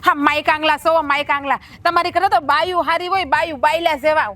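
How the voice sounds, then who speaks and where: A woman's voice: sits high, steady tone, fast, fairly bright tone. An actress playing a proud young wife who taunts and scolds her husband. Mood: scolding. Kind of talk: village family drama.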